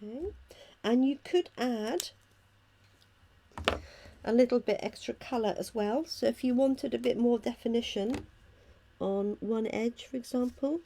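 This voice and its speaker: A hoarse, croaky-voiced woman chattily talking through each step of a casual live craft tutorial as she works. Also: a little high, measured pace, long pauses, dark tone, slight background noise. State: hoarse from illness. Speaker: craft demonstrator hosting a live stream. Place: at a craft table indoors.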